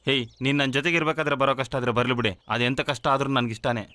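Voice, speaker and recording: A man's voice: mid-range voice, steady tone, fast talker, bright, forceful tone, dry recording, close to an everyday voice. An actor playing an earnest, reassuring young man in love, in a film. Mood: tender, reassuring. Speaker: lead character. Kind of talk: film acting.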